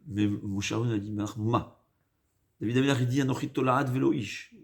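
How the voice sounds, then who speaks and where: A man with a foreign accent in French, not his native language, giving an informal Torah lesson, haltingly repeating and rephrasing and mixing in Hebrew quotations. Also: mid-range voice. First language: not a native French speaker. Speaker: rabbi giving a religious lesson.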